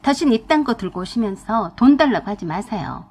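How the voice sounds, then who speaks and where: Husky-voiced woman narrating a drama. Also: a little high, expressive, fairly quick. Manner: sharp, assertive storytelling. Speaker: storyteller reading a listener's story. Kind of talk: first-person radio-drama narration.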